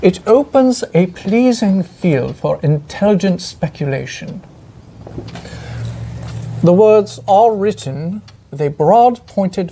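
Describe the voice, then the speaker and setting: A performer playing a composed, analytical Victorian gentleman detective in a mystery role-play, speaking formally and with measured care. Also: medium pitch, vocal fry, full character voice.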